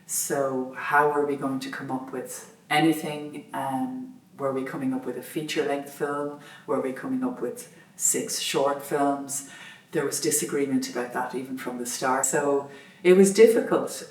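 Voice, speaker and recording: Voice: medium pitch, steady tone, a little slow, echoey room, far from the mic, poor audio. An adult frankly and wryly recounting difficulties in a collaborative scriptwriting group. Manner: frank, wry, with restarts. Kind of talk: candid interview reflection.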